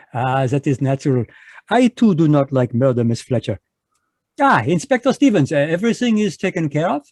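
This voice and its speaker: A man's voice: on the high side, normal speed, no echo, clean studio sound. A man doing Hercule Poirot, fussy Belgian detective. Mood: smug. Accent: put-on French. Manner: pompous, lively, polite. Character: fussy middle-aged Belgian male detective, smug. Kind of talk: old-time radio play reading. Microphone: video call microphone.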